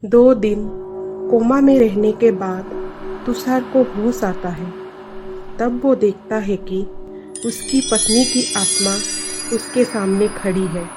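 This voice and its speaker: A woman narrating a family drama story in a measured, scripted storytelling manner. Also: mid-range voice, music in the background.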